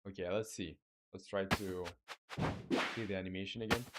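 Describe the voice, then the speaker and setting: A man's voice: sits low, steady tone, normal speed, very noisy. A man from Chile, a game developer on a live stream, thinking aloud as he codes and chatting with viewers. He hesitates a lot, with many fillers and restarts, and answers his viewers in a friendly way. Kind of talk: casual live-stream coding chat.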